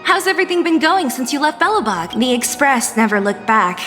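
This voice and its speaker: A woman's voice: sits high, very animated, a little fast, pushed and bright, big-room sound, faint music behind, exaggerated voice. A woman voicing a blunt, guarded young woman in a video game. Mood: guarded, firm.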